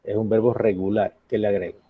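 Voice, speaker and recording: A man's voice: on the low side, level tone, fast, slightly rough, dry recording, phone-quality sound. A man teaching an English grammar lesson in Spanish, patiently asking the class questions and checking in with "ok?".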